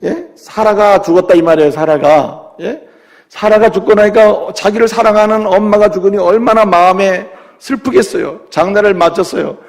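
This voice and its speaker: A man's voice: sits high, moderate pace. A man preaching a sermon as a pastor, asking his congregation questions and acting out quoted voices. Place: church sanctuary. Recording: long reverb of a church hall.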